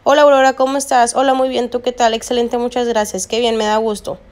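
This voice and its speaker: A woman's voice: fairly high pitch, flat delivery, fairly quick, a little mellow. A woman, chatting through a phone screen tutorial and repeating her points for emphasis. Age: 20s. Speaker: network marketing vlogger. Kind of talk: screen-recorded tutorial narration.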